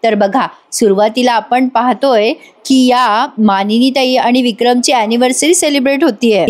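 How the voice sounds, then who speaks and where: Female recap narrator: chatty, addresses viewers, a little high-pitched. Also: moderate pace. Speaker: tv serial reviewer. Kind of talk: voice-over episode recap narration.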